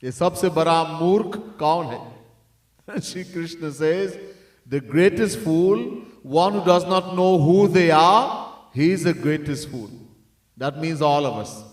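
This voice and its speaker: This swami's devotional discourse comes in a fairly high male voice at normal speed, with earnest repetition of key ideas and occasional sung chanting of verses. It was recorded in a reverberant temple hall with a distant microphone.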